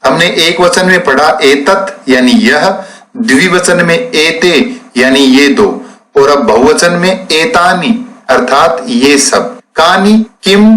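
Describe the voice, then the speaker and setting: A man teaching a classroom lesson, explaining textbook exercises slowly and spelling out words syllable by syllable. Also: a little high, a bit bright, rough recording.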